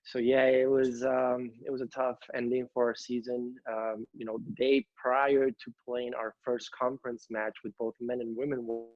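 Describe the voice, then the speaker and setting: A young man from Ecuador who coaches college tennis answers interview questions over a video call from home, speaking earnestly with many fillers and restarts. His mid-range voice is flat and moves at a normal speed with hardly any pauses. There's no room sound, and the highs are cut off.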